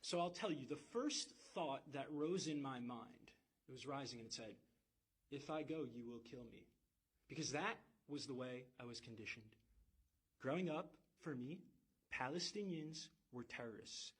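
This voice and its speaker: A man's voice: medium pitch, lively intonation, moderate pace, husky, low-quality recording. A man giving an intense, emphatic personal testimony and swearing now and then. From United States. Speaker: speaker telling his own story.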